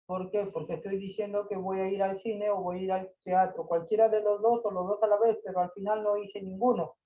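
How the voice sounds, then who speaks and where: A man's voice: high voice, little pitch movement, a little fast, phone-quality sound. A man teaching a math class online, explaining patiently, repeating points and checking that students follow.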